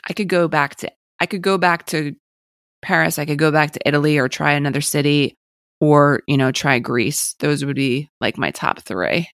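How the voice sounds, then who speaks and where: A woman's voice: deep voice, moderate pace, no room sound, studio quality. Enthusiastic woman podcast co-host. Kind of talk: casual chat.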